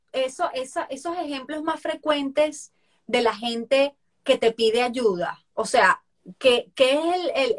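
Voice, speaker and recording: A woman hosting a podcast interview, encouraging her guest with quick reactions and questions. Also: high voice, a bit bright. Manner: encouraging, reacts with short exclamations. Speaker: podcast host. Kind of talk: casual interview conversation.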